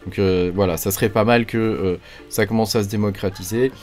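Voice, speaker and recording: A man's voice: fairly low pitch, steady tone, brisk, a little mellow, faint music behind. A man hosting a casual mining news roundup, talking loosely with many hesitations and fillers. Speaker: crypto mining channel host.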